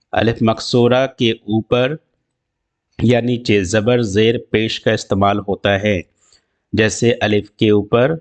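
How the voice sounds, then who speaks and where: A man teaching an Urdu grammar lesson, explaining slowly and repeating himself with restarts, with an Indian Urdu accent. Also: on the low side. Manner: slow, repetitive explaining with restarts.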